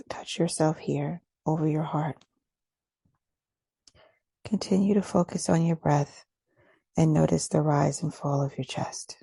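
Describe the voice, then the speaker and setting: This woman's low, husky voice carries a gravelly edge as she leads a gentle, soothing meditation, speaking softly and deliberately with long pauses. She's recorded close and dry, with no room sound.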